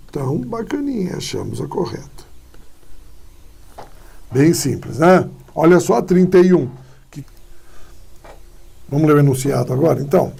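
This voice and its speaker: Male teacher, mellow and gravelly, exam-prep lesson with running tag questions. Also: fairly high pitch. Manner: explanatory, full of tag questions like "tá?" and "ó".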